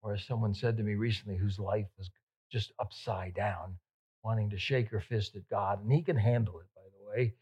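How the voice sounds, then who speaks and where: A male pastor preaching a sermon, repeating words for emphasis and swinging between loud emphatic peaks and soft, hushed passages. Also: fairly low pitch, steady tone, moderate pace, slightly rough.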